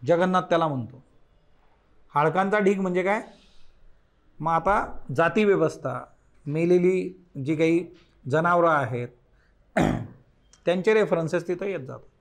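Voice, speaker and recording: High-pitched guy teaching lit, reads a passage out then explains it bit by bit. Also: a little slow, long pauses. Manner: explains line by line, often addresses the class as 'friends'; reads passages aloud then comments on them. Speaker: literature teacher. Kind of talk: exam-prep lecture on a short story.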